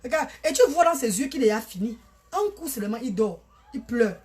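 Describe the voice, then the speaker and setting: A woman's voice: a little high, animated, fairly quick, darkish tone. A woman, talking bluntly and repetitively in a casual live stream, often addressing listeners as "maman". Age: 30s.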